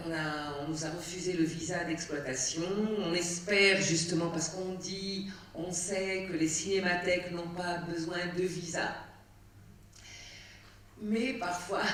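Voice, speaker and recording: Speaking casually to a post-screening audience in a cinema auditorium, a woman film director with Arabic as her first language tells stories with frequent fillers and restarts. Her voice sits low yet has a fairly bright tone. Heard from afar in the echoey hall, the recording carries slight background noise.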